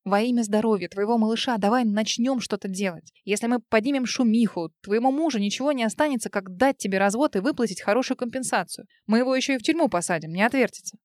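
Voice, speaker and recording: A woman's voice: fairly high pitch, fast, hardly any pauses, dry recording, studio quality, lightly acted. A woman reading a firm, resolute woman friend. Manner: firm, reassuring. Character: resolute woman friend and crisis-center worker.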